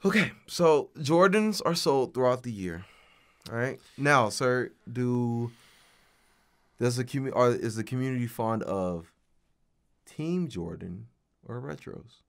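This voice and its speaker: A man's voice: mid-range voice, lively intonation, takes it slowly, vocal fry. A man co-hosting a podcast, playfully teasing and quizzing his friend in casual chat. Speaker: podcast co-host asking questions.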